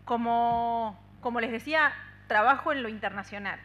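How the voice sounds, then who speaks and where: A union policy adviser in her thirties from Argentina speaks on a conference panel into a desk microphone on a stand, earnest and fluent in Argentine-accented Spanish with many "eh" fillers. Her voice is fairly high and fairly bright at a moderate pace, and the recording is muffled with a little hiss or hum.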